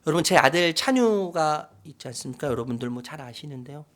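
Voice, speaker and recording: A middle-aged man preaching a sermon as pastor, swinging from loud, animated outbursts to hushed whispers. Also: on the high side, a little fast. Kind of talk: sermon with acted quotes. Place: church sanctuary.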